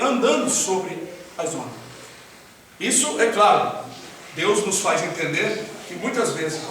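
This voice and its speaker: A man's voice: high-pitched, fairly bright tone. A man preaching a sermon as pastor, talking conversationally and often asking the congregation questions. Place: church hall with congregation. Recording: very echoey hall, voice far off, faint hiss.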